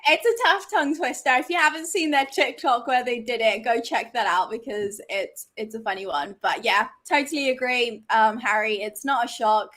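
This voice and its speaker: A woman's voice: on the high side, normal speed, hardly any pauses, a bit bright. A woman co-hosting a women's soccer preview in casual chat, laughing easily and inviting viewer comments. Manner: chatty, laughs easily, asks for audience comments. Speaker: soccer show co-host.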